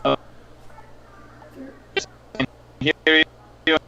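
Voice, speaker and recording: Man, glitchy corrupted call audio, cutting in and out, muffled dull sound, halting speech. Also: sharp tone. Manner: halting, hesitant. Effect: glitchy audio that keeps cutting out. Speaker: official joining a meeting remotely. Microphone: video call.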